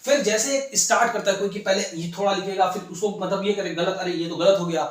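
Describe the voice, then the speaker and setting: A man's voice: sits high, quick pace. A man who speaks Hindi and English with an Indian accent, teaching an online English lesson and coaxing his students, who speak Hindi, with constant check-ins. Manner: coaxing, keeps adding "ठीक है ना?". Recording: very echoey room.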